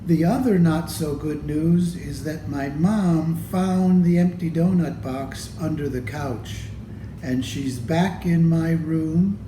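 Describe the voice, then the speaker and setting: In an echoey room with clear background noise, a storybook reader with a slightly high voice shares a picture book with children. He reads very slowly and expressively, talking directly to his young audience.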